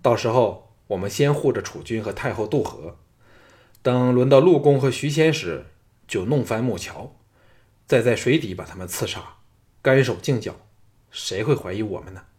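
Cold, jealous schemer in a storybook, measured and low, performed by a male narrator. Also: lively intonation, a little mellow, close to an everyday voice. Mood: plotting. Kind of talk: audiobook character reading.

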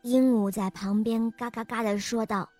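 A woman narrating a children's story with a lively, expressive reading. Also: a little high, moderate pace, no room sound, soft background music.

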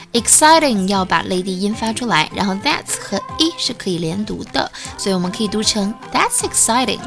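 Higher-voiced woman teaching English phrases. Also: fairly bright tone. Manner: repeats English phrases slowly and carefully as pronunciation models. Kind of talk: spoken English lesson explained in Chinese.

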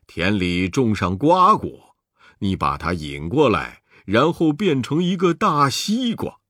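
Man putting on a deep jolly old buddha, hearty chuckling, calm and sly, slow and dry. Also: no room sound, heavily acted.

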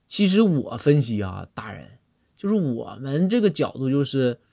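A chatty, feisty woman rambling through her excuses in a lively, swinging voice with a twang, as a man puts her on. She sounds self-justifying and never stops talking. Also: medium pitch, moderate pace, vocal fry. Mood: explaining. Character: talkative brawling woman explaining herself.

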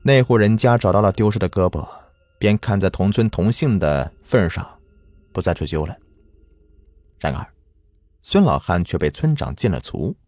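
Low-voiced guy telling a spooky folk tale, swoops up and down a lot, dry close mic. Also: lively intonation, normal speed, long pauses, a little mellow, no echo. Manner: dramatic, lilting storytelling. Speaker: storyteller. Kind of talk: folk ghost story narration.

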